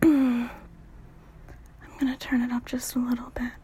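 A young adult woman telling an intimate story in a soft, breathy whisper, broken up by sighs. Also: fairly high pitch, level tone, unhurried, a little hiss or hum.

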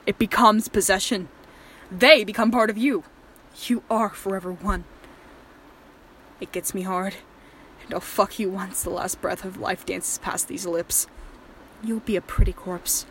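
The recording is rough with a little hiss or hum, and a woman speaks in a natural, mid-range voice, steady in tone, at a measured pace with frequent pauses. She voices a volatile, possessive male killer in an erotic horror audio drama, threatening and controlling, softly menacing, going from soft-spoken to raging.

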